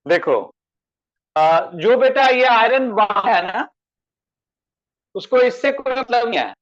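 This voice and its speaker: A man with a very high-pitched voice and lively intonation speaks slowly while giving an online chemistry lecture, with highs cut off in the recording. He calls on students by name, addresses them as "beta," and asks them questions.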